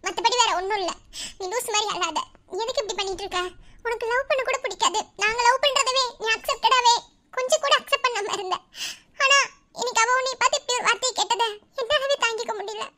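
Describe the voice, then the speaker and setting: A woman's voice: very high-pitched, fast. A woman voicing a loyal young woman comforting her friend in a cartoon, with a Madurai Tamil accent. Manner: coaxing, scolding gently. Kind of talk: cartoon voice acting.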